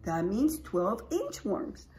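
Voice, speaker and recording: A woman in her forties, a preschool teacher, reads a picture book aloud in a small indoor room hung with posters. Her fairly high voice moves very slowly as she exclaims and asks the young listeners questions in an animated, expressive way.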